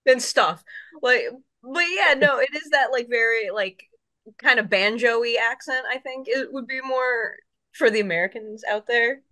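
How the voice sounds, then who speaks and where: A woman's voice: fairly high pitch, moderate pace, sharp tone. A woman co-hosting an anime rewatch show, chatting animatedly and tossing in fan trivia. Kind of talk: casual reaction chat.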